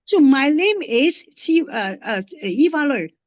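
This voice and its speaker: In a casual interview, a Hong Kong linguist appears as a guest, her English carrying a Hong Kong accent as she speaks haltingly with many fillers and restarts. She has a high voice with big pitch swings, and the muffled recording has no echo.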